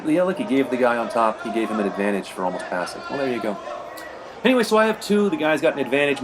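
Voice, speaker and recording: Here a middle-aged man with a lowish voice talks over video of a match he played, with noise in the background. He rambles conversationally and keeps saying "you know."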